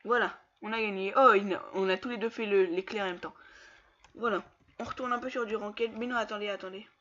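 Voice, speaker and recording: A man commenting casually on his own online matches, taunting opponents and breaking into excited yells. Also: sits high, fairly quick, muffled recording. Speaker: gamer streaming gameplay.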